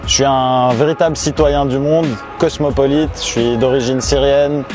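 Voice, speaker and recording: Man, 30s, mid-pitched, earnest founder pitch with hesitant fillers, over background music. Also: steady tone, normal speed. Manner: earnest and reflective, frequent hesitant "euh" fillers. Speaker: founder pitching his project. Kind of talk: promotional personal narration. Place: outdoors on city rooftops. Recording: music playing under the voice.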